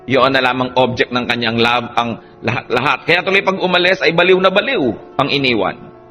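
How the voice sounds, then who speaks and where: A man preaching a sermon, animated, swinging between soft passages and emphatic peaks. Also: mid-range voice, fairly quick, soft background music.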